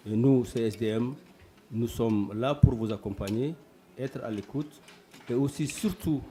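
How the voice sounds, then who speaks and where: A man's voice: mid-range voice, noisy background. A man representing a diaspora association, making an earnest, reassuring statement. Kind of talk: interview statement.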